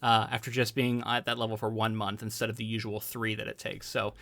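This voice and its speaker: A podcast co-host chats casually in a lowish voice with vocal fry, talking a little fast and sounding slightly congested. He's animated and rambling, full of ums and restarts, and the recording has no echo.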